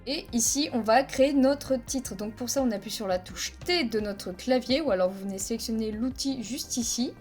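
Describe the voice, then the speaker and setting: In this screen-recorded software tutorial, a woman teaches video editing through a headset mic, counting frames out loud and explaining every step in plain terms. Her voice sits on the high side with a darkish tone, and she keeps a moderate pace with few pauses while soft music plays underneath.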